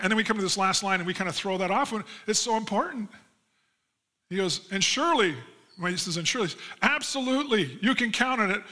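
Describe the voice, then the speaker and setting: Male lead pastor, sermon delivery: high-pitched, bright, earnest, with rising emphasis on scripture promises. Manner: reads scripture passages aloud and then expands on them.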